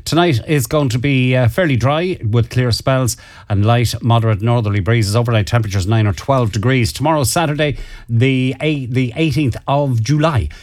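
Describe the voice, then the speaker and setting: An Irish man reading a radio weather forecast in a halting, hesitant way. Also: medium pitch, darkish tone. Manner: halting, with repeated false starts.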